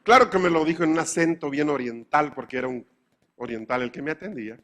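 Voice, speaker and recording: A man giving a lecture to a live audience, animated and full of anecdotes, often asking his listeners if they follow him. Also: on the high side, quick pace. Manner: animated, often checks in with the audience through questions; acts out both sides of everyday dialogues.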